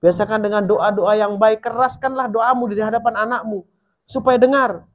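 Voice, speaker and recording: High-voiced man preaching. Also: steady tone, moderate pace. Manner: rises in pitch and volume when urging, drops low and soft when warning. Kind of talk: sermon.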